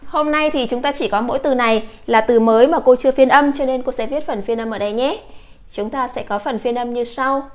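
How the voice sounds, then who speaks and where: A woman English teacher from Vietnam giving a patient lesson, slowly modeling English words for her students. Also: a little high. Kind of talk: classroom lesson.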